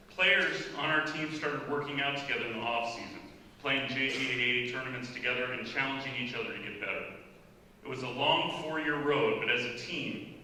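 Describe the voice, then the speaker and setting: A middle-aged man, a high school golf coach, giving a heartfelt ceremony speech that nearly brings him to tears. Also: pushed and bright. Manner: heartfelt, near tears at times. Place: school hall. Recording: echoey hall, voice from far off, faint noise.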